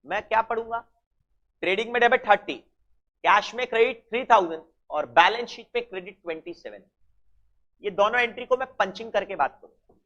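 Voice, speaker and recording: In a coaching classroom, a man teaches an accounting lecture and keeps prodding students with the same questions again and again. His voice sits high and sounds sharp, brisk, and lively in intonation, captured in a dull lo-fi classroom recording.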